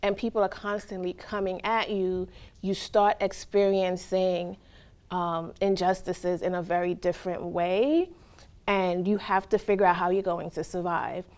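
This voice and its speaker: A woman's voice: lowish voice, fairly even intonation, unhurried, darkish tone. A woman from Trinidad and Tobago giving reflective, earnest answers in a casual interview, often checking in with "right?". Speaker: interviewee, college staff.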